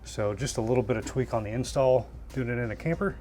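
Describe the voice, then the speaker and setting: A man's voice: medium pitch, fast, dark tone, slight background noise. A man inside a small camper giving a casual, hands-on installation tutorial, plain-spoken and thinking aloud as he works. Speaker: DIY RV vlogger.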